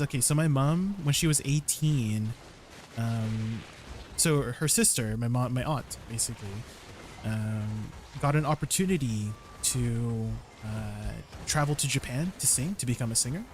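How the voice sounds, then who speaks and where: A man's voice: medium pitch, lively intonation, a little slow. A man with a mid-range voice chats casually on a live stream. He tells stories conversationally and picks up comments from viewers as he goes. Faint ambient noise sits behind his voice. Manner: chatty storytelling, repeating viewer comments aloud.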